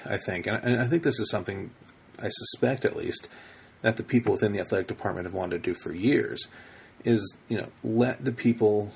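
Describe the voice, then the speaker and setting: A man's voice: on the low side, creaky, breathy edge. A man in his thirties hosting a casual podcast interview, rambling through his thoughts with frequent restarts and asides. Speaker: podcast host.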